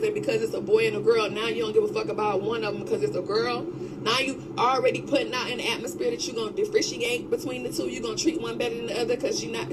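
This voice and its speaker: A young woman in a heated, unscripted livestream rant, blunt and profane, hammering her points through repetition. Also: on the high side. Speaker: social media livestreamer. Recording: very noisy livestream audio.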